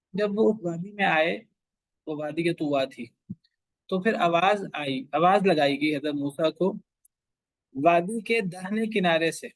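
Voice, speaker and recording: A man's voice: on the high side, no echo. A man teaching a class on scripture, pressing his points with repeated rhetorical questions and restated phrases. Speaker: Quran teacher. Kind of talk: religious lecture to a class.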